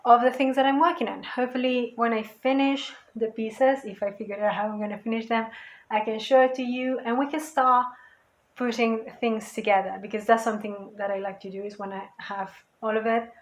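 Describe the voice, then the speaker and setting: A woman's voice: fairly high pitch, fairly even intonation, brisk, echoey room. A woman vlogger chatting casually and rambling about her craft projects. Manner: rambling, chatty, with lots of "you know" and "basically". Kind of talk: casual chat.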